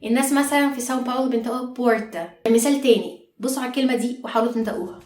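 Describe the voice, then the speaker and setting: A woman's voice: a little high, fairly even intonation, very fast, a little mellow. A woman with an Egyptian Arabic accent, patiently teaching pronunciation step by step, repeating each example word aloud. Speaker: Portuguese teacher. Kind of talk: online language lesson. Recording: echoey room with faint music.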